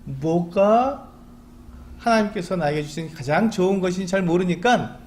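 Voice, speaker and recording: Here a pastor delivers a Sunday sermon from a church sanctuary, his high, darkish voice moving at normal speed. He chats through rhetorical questions and acts out small pleas to God, with slight background noise in the recording.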